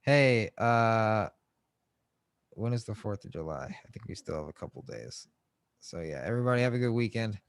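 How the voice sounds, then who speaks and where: A man co-hosting a podcast in casual joking chat, swearing often and breaking into loud mock outbursts. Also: on the low side, animated, normal speed, gravelly, no echo. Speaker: podcast co-host.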